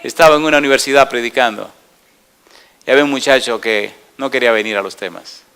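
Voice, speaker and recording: A middle-aged pastor preaches a sermon at a medium pitch, talking fast with a smooth delivery. He keeps putting yes-or-no questions to the congregation and tells animated stories, swinging between loud and quiet.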